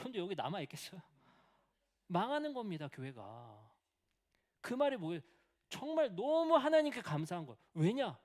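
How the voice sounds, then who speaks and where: A male senior pastor delivering a sermon in a high, lively voice that leaps up and down. He fires off rhetorical questions, tells anecdotes with acted dialogue and drops to a whisper when he wants to stress a point. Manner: animated preaching with rhetorical questions.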